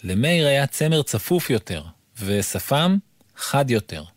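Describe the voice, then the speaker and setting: Expressive man reading a children's story. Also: medium pitch, no echo, clean studio sound. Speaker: narrator. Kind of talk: reading a children's book aloud.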